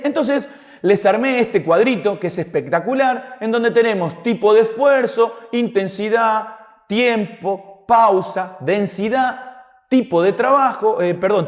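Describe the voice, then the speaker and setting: A man giving an explanatory lecture as a fitness instructor, didactic and often checking that listeners follow. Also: high voice. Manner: didactic, checking understanding with short tag questions. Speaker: fitness instructor teaching a class.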